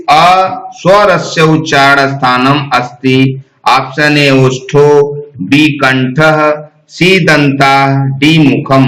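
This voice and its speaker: A man reading exam quiz questions and their answer options in a slow, deliberate recitation. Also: mid-range voice, fairly bright tone, echoey room, rough recording. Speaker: exam prep teacher.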